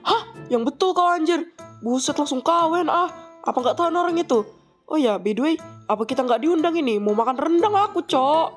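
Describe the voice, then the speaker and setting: A nosy teenage girl who pushes for gossip, speaking, voiced by a woman. Her voice is high, with faint music behind her. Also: expressive, brisk. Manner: nosy, pushy.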